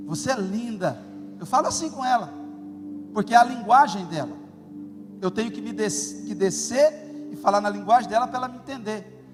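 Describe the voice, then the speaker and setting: High-voiced middle-aged pastor guy, preaching hard with big stresses, long church hall echo. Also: a little fast, long pauses. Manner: emphatic, animated preaching with sudden loud stresses. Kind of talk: sermon. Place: church auditorium. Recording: long hall reverb, faint music.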